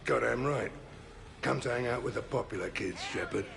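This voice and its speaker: A man playing a gruff, blunt old mercenary in a video game, gravelly and folksy. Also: mid-range voice, moderate pace. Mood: gruff, amused.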